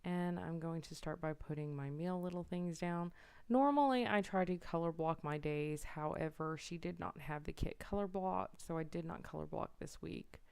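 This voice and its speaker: A woman's voice: lowish voice, normal speed, vocal fry, a little mellow, smooth. A young woman narrating her planner decorating in a casual, apologetic voiceover. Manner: apologetic, self-deprecating, chatty. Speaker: planner vlogger. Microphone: voiceover mic.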